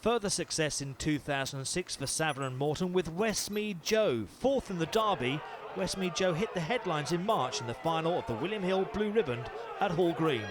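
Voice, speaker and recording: Brief: male sports review narrator, slightly high voice, polished and emphatic, with noise in the track. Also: animated, normal speed, a faint crowd. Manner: polished, emphatic voice-over delivery. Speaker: programme presenter.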